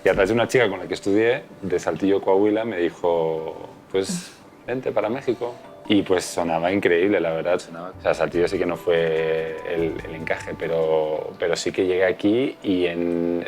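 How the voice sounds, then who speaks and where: A man from Spain in his thirties, speaking casually and quickly as an interviewee. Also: deep voice, a little mellow, faint music behind. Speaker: interviewee, architect. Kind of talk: personal interview.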